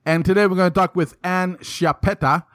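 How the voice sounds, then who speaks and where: A man from Canada, hosting a podcast interview in a playful, energetic way. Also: high-pitched, fairly quick, no echo, clean studio sound. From French Canada. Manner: playful, energetic, rhyming hype lines. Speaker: podcast host. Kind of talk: upbeat interview chat.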